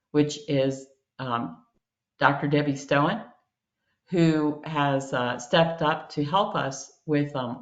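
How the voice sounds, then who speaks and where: A woman's voice: low voice, fairly bright tone. A woman professor introducing herself in an online meeting, friendly and upbeat. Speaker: professor, co-chair. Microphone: video call. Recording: echoey, dull video call audio.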